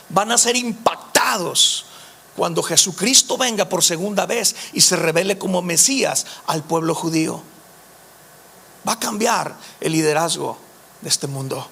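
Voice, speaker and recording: A man leads a Bible study in a strikingly high voice with a gravelly edge. His tone is bright and forceful as he speaks emphatically and calls on the listeners directly. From Mexico.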